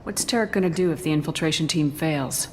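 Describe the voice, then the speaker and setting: Woman as female space commander, lowish voice, cool, terse, probing, video game acting, rumbling noisy background. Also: a little fast, lightly acted. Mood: businesslike.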